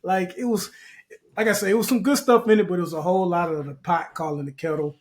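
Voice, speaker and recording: A man's voice: high voice, steady tone, quick pace. A man co-hosting a barbershop-style podcast in casual chat, loose and joking with slang. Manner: loose, joking, uses slang like bro and fam. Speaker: podcast co-host.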